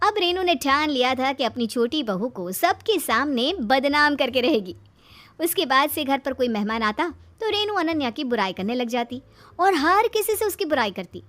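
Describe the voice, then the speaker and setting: Expressive female storyteller, high and animated. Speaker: narrator. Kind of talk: storytelling narration.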